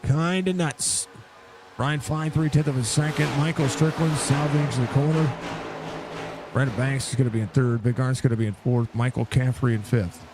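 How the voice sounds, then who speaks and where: A man's voice: medium pitch, steady tone, normal speed, over loud music. A man giving casual, chatty live sim racing commentary, addressing viewers and drivers directly, his mouth barely opening after facial surgery. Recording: clear background engine noise. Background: race car engine noise.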